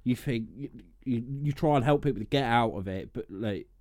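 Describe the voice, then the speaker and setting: A man's voice: mid-range voice, brisk, darkish tone, dry recording, studio quality. A man in casual, matey chat, swearing and repeating himself for emphasis.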